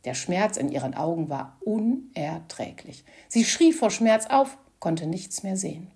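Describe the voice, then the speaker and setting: A woman reads a story aloud with expressive, scripted narration. Her tone is mellow and warm, never sharp. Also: fairly low pitch, measured pace, slightly rough.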